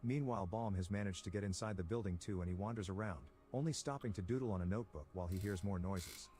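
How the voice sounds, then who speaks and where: A man reading a scripted plot recap in a brisk, even storytelling manner. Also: low-pitched, faint music behind. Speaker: recap narrator.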